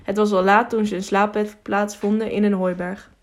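A woman reading an audiobook aloud, telling the story in a steady, measured way. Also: medium pitch. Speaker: audiobook narrator. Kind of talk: scripted narration.

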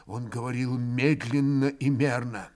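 A man narrating a literary drama in a theatrical, expressive manner. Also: medium pitch, unhurried.

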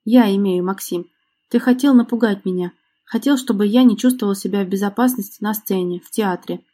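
A woman's voice: mid-range voice, brisk, mellow, close to an everyday voice. A woman reading an audiobook, voicing a wounded, angry young actress with a cutting, reproachful manner. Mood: ironic.

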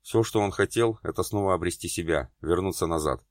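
A man narrating an audiobook with a very low voice. He reads steadily and dramatically through narration and dialogue alike. The recording is dry and close, with no room sound. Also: brisk, dry recording. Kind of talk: scripted narration.

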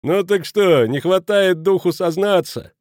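A rowdy, mocking village man, as a male reader puts him on jeers in a raised, loud voice. The recording is close and dry. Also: sits high, measured pace, no echo, pitched above the performer's own voice. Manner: jeering, teasing.

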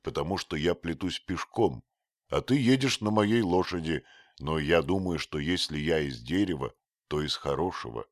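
A man's voice: rumbling low, animated, moderate pace, no room sound, studio quality. A man doing Dick, a blunt young archer. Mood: gruff. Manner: loud and forceful.

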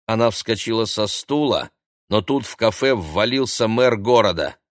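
Low-voiced guy reading a kids' story, lively delivery, dry sound. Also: normal speed, dry recording. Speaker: audiobook narrator. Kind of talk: scripted narration.

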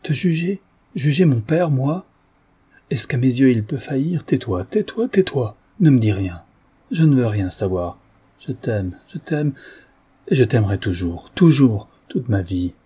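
A man reading aloud, voicing a young woman who pleads with her father in anguish, his voice lifted higher than his narration. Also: animated, a little slow, dark tone, husky, heavily acted. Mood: pleading. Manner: pleading, breathless, rising to cries.

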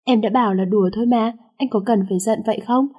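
A woman's voice: a little high, fast talker, warm tone, husky. A woman voicing a feisty young woman who reproaches her boyfriend indignantly in a romance audiobook.

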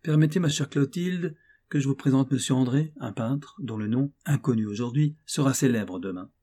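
A composed aristocratic gentleman speaks gravely and evenly in this audiobook, as a man reads him. The voice stays dark and slightly husky, close to the narrator's own. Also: medium pitch, voice pushed up, close to an everyday voice. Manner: grave and measured.

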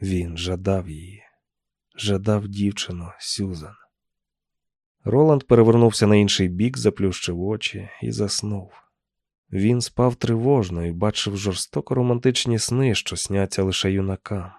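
A man reading an audiobook in a calm, measured, low-key way. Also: no room sound, studio quality. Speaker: audiobook narrator. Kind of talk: audiobook narration.

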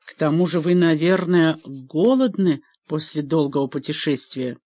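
A woman's voice: sits low, normal speed, mellow, dry recording. A woman voicing a courteous young castle lady.

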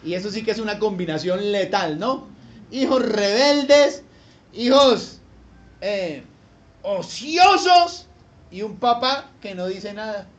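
High-voiced pastor preaching. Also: male voice, slow pace. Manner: animated preaching with acted-out voices and rhetorical questions. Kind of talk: sermon. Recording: slightly dull lo-fi sound with faint noise.

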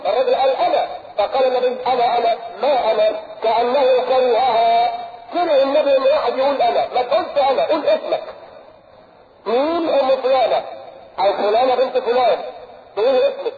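Egyptian male preacher, quick and animated, very high pitch, roomy lo-fi lecture recording. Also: noisy background. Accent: Egyptian Arabic. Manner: lively, animated, acts out little dialogues. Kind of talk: sermon lecture. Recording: echoey hall, tinny old tape.

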